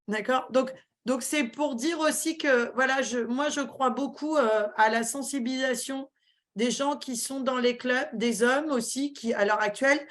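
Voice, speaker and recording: A woman giving a talk on a webinar, halting often with fillers and restarts. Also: high-pitched, a bit bright. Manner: hesitant, many fillers and restarts. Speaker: guest speaker.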